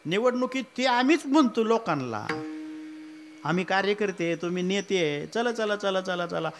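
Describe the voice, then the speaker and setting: A man's voice: sits high, animated, moderate pace, over music. A man doing cheeky, pushy Hanuman. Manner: pushy, teasing, matter-of-fact. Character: Hanuman, devoted, cheeky and insistent monkey god.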